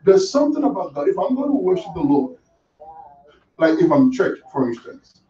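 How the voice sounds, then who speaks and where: A man leads a ministry training, preaching in a conversational way and often asking his listeners if they understand. His fairly high voice swings up and down with lively expression. He sounds distant and muffled in an echoing room, with a crowd murmuring agreement. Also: fairly quick. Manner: animated, asks "You understand?" often. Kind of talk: conversational teaching sermon. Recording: echoey room, far mic, dull, crowd.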